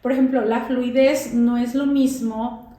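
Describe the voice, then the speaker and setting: A woman, a guest English teacher, explaining with examples in a casual interview and pausing to find her words. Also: a little high, steady tone, dark tone. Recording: very echoey room with faint noise.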